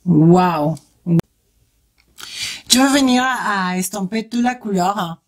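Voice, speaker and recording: A woman's voice: mid-range voice, lively intonation, takes it slowly. A woman vlogger chatting through a makeup tutorial, talking straight to her viewers with enthusiastic exclamations. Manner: chatty, talks straight to viewers while working. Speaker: beauty vlogger. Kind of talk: casual makeup tutorial chat.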